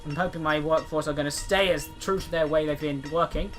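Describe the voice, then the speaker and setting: A man's voice: a little high, fairly even intonation, brisk, fairly bright tone, soft background music. A man giving casual let's-play commentary, chatty and rambling, often restarting his sentences. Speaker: gameplay commentator.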